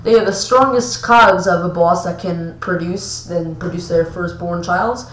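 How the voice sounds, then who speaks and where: A woman's voice: fairly low pitch, unhurried, reverberant, low-quality recording. A woman hosting a casual gaming list video, rambling and often stumbling over her words. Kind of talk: casual ranked-list commentary.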